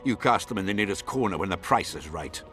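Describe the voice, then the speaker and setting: A man acts out a dramatic fantasy game role as a contemptuous nobleman, a baron reaching for the throne. His low, animated voice moves fast, using cold, imperious and formal speech over background music.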